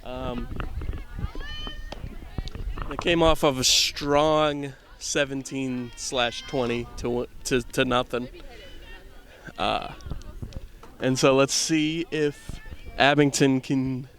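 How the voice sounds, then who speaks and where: Rambling young man calling softball. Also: mid-range voice, fairly even intonation, drawn-out words, pauses often. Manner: rambling, self-deprecating, offhand. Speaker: camera operator and commentator. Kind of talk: casual live sports commentary. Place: outdoors at a softball field. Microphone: headset.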